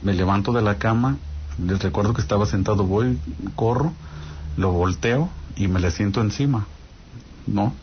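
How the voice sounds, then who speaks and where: A man's voice: fairly low pitch, moderate pace, lo-fi sound, slight background noise. A man with a Mexican accent telling a spooky personal story in a casual way, often turning to his listeners to check they follow. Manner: talks straight to listeners with frequent "¿no?" check-ins. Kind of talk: casual spoken ghost story.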